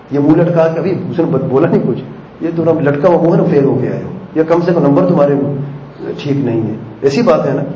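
A man's voice: on the high side, dark tone, roomy sound, lo-fi sound, a little hiss or hum. A man giving a sermon on parenting in a conversational way, acting out family exchanges and asking rhetorical questions. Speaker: preacher.

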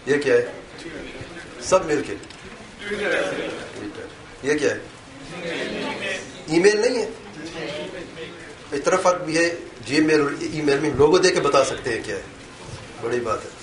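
A man's voice: a little high, expressive, pauses often, a crowd in the background. A man giving an interactive religious talk, quizzing and teasing his audience. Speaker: Islamic lecturer. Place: lecture hall with a live audience. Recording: echoey hall with faint room noise.

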